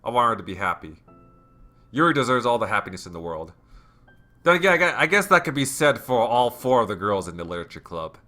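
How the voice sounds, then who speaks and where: A man giving let's play commentary in a bright, forward voice. He rambles and gets emotional as he plays, with faint game music underneath. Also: mid-range voice, sing-song, fast talker. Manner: emotional, rambling, filler-heavy.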